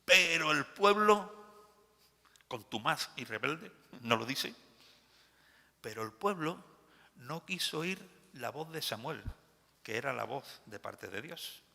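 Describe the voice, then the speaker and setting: A pastor from Spain preaching a sermon in an animated, emphatic way, full of rhetorical questions. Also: male voice, medium pitch, slow pace, vocal fry, long pauses. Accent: Spain Spanish. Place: church. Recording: long church reverb.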